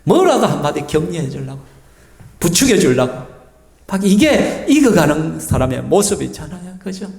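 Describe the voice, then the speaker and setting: A male pastor with a Gyeongsang accent preaches in a fairly high, very animated voice and keeps drawing the congregation in with questions. His voice rings through the church sanctuary with a long, roomy reverb. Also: normal speed, vocal fry. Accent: Gyeongsang Korean. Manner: lively, conversational, asks the congregation questions. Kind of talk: sermon.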